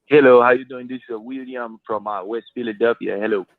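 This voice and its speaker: A man voicing a prank caller with a put-on foreign accent, reciting a rhyme in a slow, earnest sing-song. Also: mid-range voice, expressive, husky. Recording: tinny phone line.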